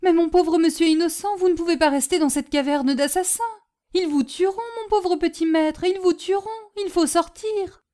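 A woman doing an excitable devoted maidservant. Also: very high voice, normal speed, voice pushed up. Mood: alarmed. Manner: emotional, exclaiming.

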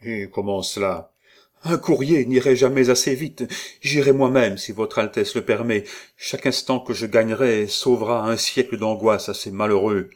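A man's voice: on the low side, normal speed, pitched above the performer's own voice, natural voice. A man voicing a desperate young nobleman who pleads passionately, in an audiobook reading. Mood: eager. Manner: impassioned, imploring.

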